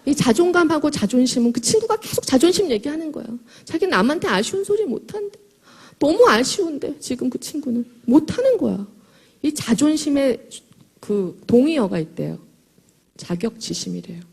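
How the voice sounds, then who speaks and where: A middle-aged woman speaks to a crowd in a big hall, her slightly hoarse voice gravelly and husky. She talks in a chatty, emphatic way, joking with the audience. The tone sits on the higher side yet sounds mellow and dark. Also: very animated, moderate pace. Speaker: motivational speaker at a sales event. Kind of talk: motivational talk to an audience. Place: large hall before a live audience.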